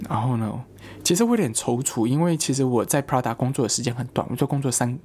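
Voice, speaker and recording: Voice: medium pitch, fast, slight background noise. A young adult from Taiwan, casually telling a personal story with many fillers. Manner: chatty, many fillers, lively acted-out quotes. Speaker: vlogger.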